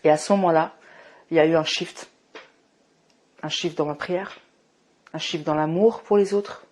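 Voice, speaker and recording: A woman in her thirties from France giving a personal faith testimony, emotional and often restarting, moving between hushed and fervent speech. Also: low-pitched, steady tone, moderate pace. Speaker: testimony speaker.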